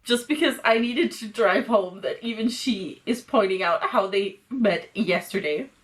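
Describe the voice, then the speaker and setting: A woman's voice: medium pitch, a little slow. A woman hosting a casual book breakdown, giving sarcastic, exasperated commentary. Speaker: host.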